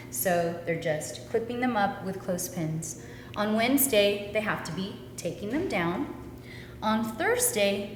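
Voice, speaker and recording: A woman's voice: mid-range voice, slight background noise. A woman giving an instructional demonstration of children's songs, explaining each step aloud as a teacher training other instructors. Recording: echoey hall, loud music behind. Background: loud music.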